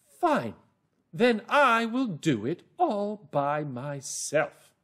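A man voicing a determined, hard-working female hen from a storybook, with emphatic, carefully drawn-out words. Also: sits high, very animated, sharp tone, voice pushed up, full character voice. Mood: huffy, determined.

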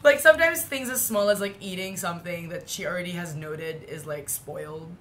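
A woman's voice: lowish voice, a little fast, a bit bright, slight background noise. A young woman co-hosting a game playthrough, chatting casually with many fillers and frequent giggles. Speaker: let's play co-host. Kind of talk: casual gaming chat.

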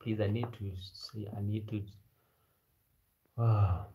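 A man in his twenties with a Kenyan-sounding East African accent, chatting casually and haltingly as a live stream host, repeating his phrases. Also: on the low side, steady tone, dull audio. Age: 20s. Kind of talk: casual live chat with viewers. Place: small bedroom indoors. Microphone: phone at arm's length.

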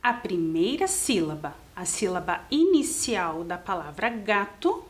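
A woman's voice: medium pitch, big pitch swings, a little slow. A woman teaching a primary school lesson to children, patiently spelling and counting aloud step by step. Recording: roomy echoing room.

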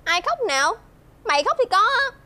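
A woman's voice: very high voice, sing-song, normal speed, pushed and bright, exaggerated voice. A snappy, irritable young woman. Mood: irritated. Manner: snappy, scolding. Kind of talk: web drama acting. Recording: noisy ambient background.

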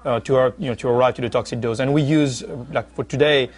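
A man's voice: mid-range voice, steady tone, fast talker. Hesitant man doctor explaining. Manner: hesitant, many fillers. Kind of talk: explaining a procedure on TV.

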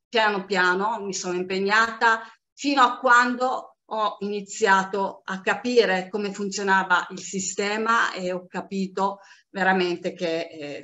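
Woman on a video call telling her own story, bright forceful voice, informal. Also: medium pitch. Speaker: network marketing team member. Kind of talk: informal personal testimonial.

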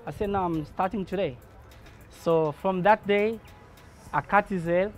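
A man from Congo in his thirties, a barber telling his own story in a documentary interview, earnest and measured. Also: high-pitched, soft background music. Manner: earnest, measured, acts out remembered dialogue. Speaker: barber and shop owner.

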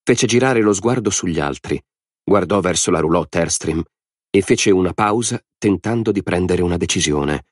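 A man reading an audiobook in steady, scripted narration. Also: sits low, dry recording, clean studio sound. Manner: steady, even storytelling.

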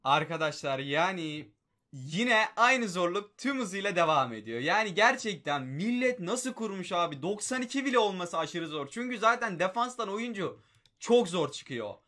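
A man's voice: sits high, lively intonation, moderate pace, sharp tone. A young man giving live commentary on a mobile game he plays, pleading with it and exasperated at its results.

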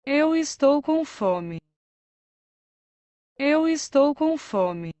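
Slow, high woman's voice reading phrases. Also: big pitch swings, warm tone, no room sound. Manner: says each phrase twice, carefully. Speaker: language lesson voice.

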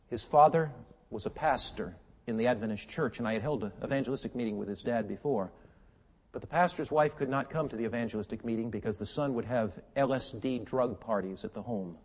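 An older man preaching a sermon, swinging from loud, emphatic peaks to quiet, intimate storytelling. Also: mid-range voice. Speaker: pastor. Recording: long hall reverb.

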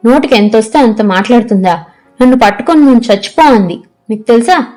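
A woman's voice: on the high side, quick pace, a little mellow, faint music behind, natural voice. A woman narrator voicing a harsh, bitter middle-aged mother who speaks sharply and accusingly.

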